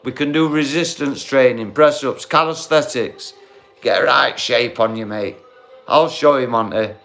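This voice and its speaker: Recorded on a phone, a livestream host in his forties talks unhurriedly in a mid-range voice that's creaky and a bit bright. He speaks casually and bluntly, swears, and calls his viewers mate and bro.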